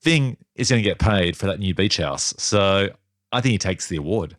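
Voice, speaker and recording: A man's voice: deep voice, animated, no room sound, clean studio sound. A man co-hosting a movie review podcast, chatting casually and playfully with frequent laughs. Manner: playful, laughs often, quick asides. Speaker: podcast co-host.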